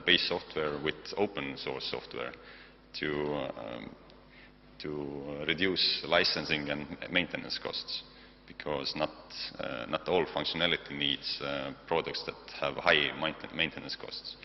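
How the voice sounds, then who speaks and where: Very deep-voiced Estonian-accented man, halting. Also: steady tone. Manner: halting, hesitant delivery with frequent pauses and hums. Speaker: conference presenter, software developer side. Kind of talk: technical conference presentation. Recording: dull, noisy hall recording with long reverb, hum.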